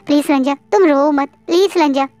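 A woman's voice: sits high, moderate pace, mellow, no echo, lightly acted. A woman voicing a remorseful young man who pleads tearfully for forgiveness in a storybook reading. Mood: tearful pleading. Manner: tearful pleading, repeated apologies.

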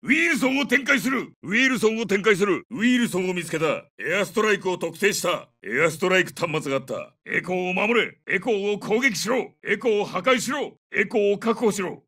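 A battle-hardened special forces captain in a shooter game. His voice is pitched high and forceful, set a little way from the mic. He gives terse, commanding callouts with urgency. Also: lively intonation, fairly quick, hardly any pauses, distant mic, full character voice. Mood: brisk, alert. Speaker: soldier calling out combat voicelines. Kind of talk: military shooter game voice acting, short tactical callouts.

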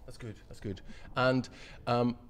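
A man's voice: medium pitch, fairly even intonation, a little slow. A man interviewing choir members in a dim rehearsal hall, teasing them and laughing easily. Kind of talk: casual interview. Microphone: handheld mic.

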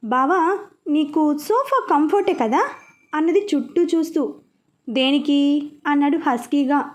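A woman's voice: sits high, expressive, measured pace. A woman narrating a story and reading every character's lines in her own voice.

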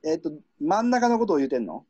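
Relaxed Kansai man refereeing a game. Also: fairly high pitch, fast, no echo, muffled recording. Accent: Kansai Japanese. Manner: relaxed, chuckling, explains rules. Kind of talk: casual game commentary.

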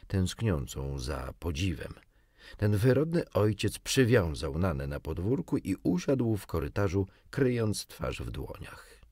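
A man reading a children's classic aloud with expressive, dramatic narration. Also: low voice, breathy edge, no room sound, studio quality. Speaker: audiobook narrator. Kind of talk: scripted storybook narration.

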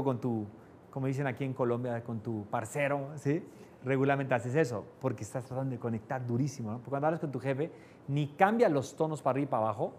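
Speaker, man, fairly high voice, live class talk with rising and falling emphasis, faint rumble behind. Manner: varies pitch and loudness for emphasis, asks "¿no?" often. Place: class room with air conditioning.

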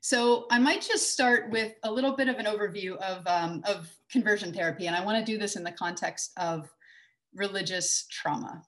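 In her forties and from Texas, this conference speaker uses a mid-range, slightly bright voice at a moderate pace. She delivers her slide-based online talk conversationally through a webcam on a video call, often filling pauses and restarting sentences.

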